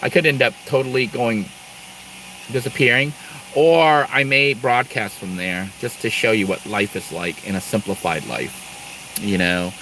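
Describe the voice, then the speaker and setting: Bright-voiced chatty middle-aged man. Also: lowish voice, a little slow, slight background noise, rough recording. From Thailand. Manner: rambling, chatty, laughs between asides. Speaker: live-stream host, Air Force veteran. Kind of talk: casual live-stream chat.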